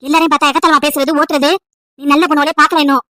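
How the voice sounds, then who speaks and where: A woman's voice: sits high, level tone, racing, sharp tone, no echo, clean studio sound. A woman voicing a nagging, emotional old village grandmother over 70 who scolds and pleads at length. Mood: pleading. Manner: scolding, pleading, wailing complaints.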